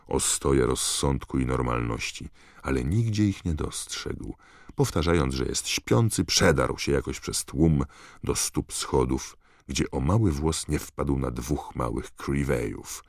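A man narrating an audiobook in a measured, dramatic storytelling manner. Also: a bass voice, creaky, no echo, studio quality. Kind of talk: scripted narration.

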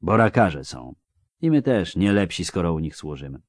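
A weary mercenary, as a male reader puts him on, murmurs in a low, sombre voice. He sounds tired and resigned. The tone is close and dry. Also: sing-song, moderate pace, no echo. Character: grave, weary male mercenary, quiet-spoken.

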